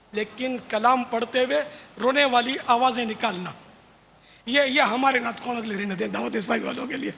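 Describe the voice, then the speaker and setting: A man's voice: extremely high pitch, a bit bright. A man, a religious scholar, explaining and admonishing in a religious question-and-answer talk at a large gathering. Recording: long hall reverb, faint noise.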